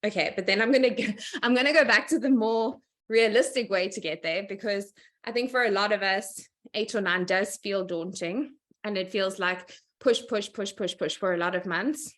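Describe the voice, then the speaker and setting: A woman's voice: mid-range voice, normal speed, fairly bright tone. Chatty upbeat woman on a video call. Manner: chatty, upbeat, laughs often between points. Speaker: guest speaker, sales team leader. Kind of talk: casual presentation on a video call.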